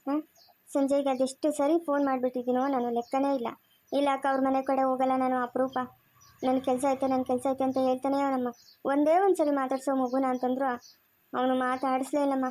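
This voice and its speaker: A woman with a high voice and a Chikkaballapur Kannada accent plays out a homemade family drama. She rattles off fast, scolding village talk. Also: little pitch movement, a little mellow. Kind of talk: amateur family drama acting.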